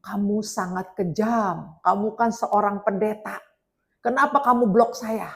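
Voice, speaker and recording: A woman putting on a hushed, coaxing male scammer. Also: medium pitch, measured pace, vocal fry. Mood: reproachful. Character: smooth-talking adult male online romance scammer.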